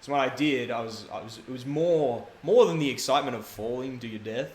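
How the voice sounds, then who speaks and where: A man's voice: medium pitch, fairly quick, darkish tone. Rambling man in an echoey room. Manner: rambling, self-correcting storyteller. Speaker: guest speedrunner. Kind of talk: casual chat. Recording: echoey room, faint background noise.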